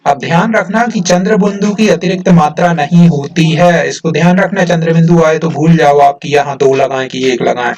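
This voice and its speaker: A man's voice: on the high side, steady tone, moderate pace, hardly any pauses, recorded from a distance, a crowd in the background. A male teacher explaining a grammar lesson to students in a patient, explanatory manner, often checking with "है ना" and "ठीक है".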